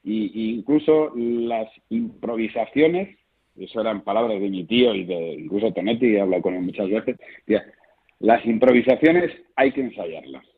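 A man's voice: on the low side, expressive, moderate pace, husky. A man, a clown being interviewed, telling stories in a chatty way. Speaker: interview guest. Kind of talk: phone interview. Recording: tinny phone line.

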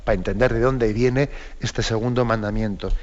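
Unhurried man teaching, lo-fi sound. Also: mid-range voice, steady tone, a little mellow. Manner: unhurried, with many "¿no?" asides. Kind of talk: catechetical talk on a program.

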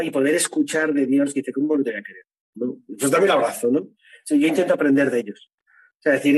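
Man, husky, a bit high, earnest, interview testimony, tag questions. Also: a little mellow, low-quality recording. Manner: earnest, tags phrases with "¿no?".

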